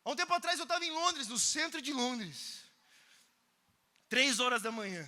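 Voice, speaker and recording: A Brazilian man preaches from a conference stage in a very high, sharp, bright voice. He tells animated stories and breaks into shouts now and then. A long hall reverb trails behind his words. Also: normal speed. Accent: Brazilian Portuguese. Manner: animated storytelling that bursts into shouts. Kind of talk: conference sermon.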